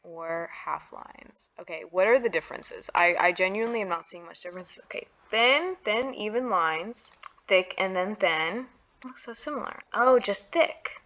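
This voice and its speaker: A woman giving casual commentary while she builds in a life-sim game, gushing and excitable, full of slang. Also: mid-range voice, moderate pace, highs cut off. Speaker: Sims builder and YouTuber.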